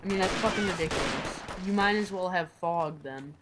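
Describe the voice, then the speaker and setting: A man's voice: sits high, a little fast, very noisy. Laid-back guy chatting over gunfire. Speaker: co-player. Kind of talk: casual gaming chat. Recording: game gunfire under the voice.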